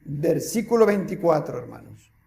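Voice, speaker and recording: A man preaching a sermon with fervent rhetorical questions, his voice swinging between loud and hushed. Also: a little high, big pitch swings, moderate pace, gravelly, reverberant. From Peru. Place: church.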